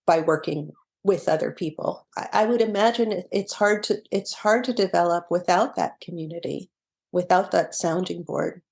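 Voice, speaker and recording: A middle-aged woman with a slightly low voice, a guest author in a podcast interview. She talks in a reflective, unhurried way, laughs easily and often circles back to restart a thought. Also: creaky, darkish tone.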